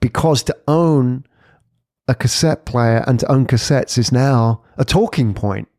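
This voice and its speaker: A man in his forties hosts a podcast, delivering a casual, conversational monologue that is reflective and full of rhetorical questions and tags. His voice is medium-pitched, a little slow and darkish in tone. The studio-quality recording has no echo.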